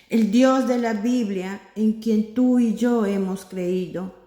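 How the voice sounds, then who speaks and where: A woman's voice: mid-range voice, warm tone. A woman preaching, reading Bible verses and commenting earnestly to her congregation. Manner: earnest, addresses listeners as brothers. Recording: echoey hall reverb.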